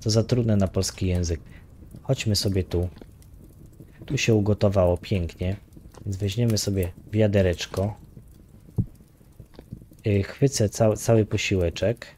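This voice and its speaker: A man's voice: on the low side, fairly even intonation, measured pace, pauses often, mellow, slight background noise. A man casually talking through his own game play, muttering counts and grumbling with light swearing. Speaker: gaming YouTuber. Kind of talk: casual let's-play commentary.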